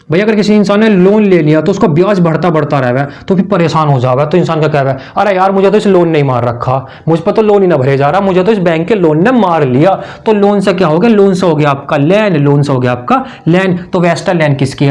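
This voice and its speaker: A high-pitched male tutor, teaching exam memory tricks. He fires off questions and answers them himself, repeating the key words in a chummy, conversational way. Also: darkish tone.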